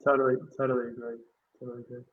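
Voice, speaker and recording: A man's voice: medium pitch, completely flat delivery, rapid-fire. A man hosting an interview who agrees readily and muses aloud, often checking in with "right?". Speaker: interview host. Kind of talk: conversational interview. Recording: dull lo-fi sound with faint noise.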